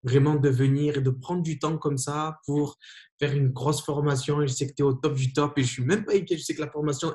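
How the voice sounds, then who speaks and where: Guy hosting a zoom training, pumped and emphatic, voice a bit high. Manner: energetic, emphatic, repeats himself. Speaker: host of a training call. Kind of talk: hyped-up webinar introduction.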